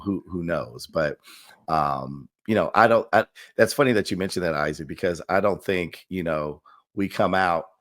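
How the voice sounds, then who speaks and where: A man with a deep, low voice chats casually on a health podcast. He rambles gently, leaning on fillers, in an easygoing, unhurried manner. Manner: relaxed, rambling with many fillers, laughs often. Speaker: doctor co-host.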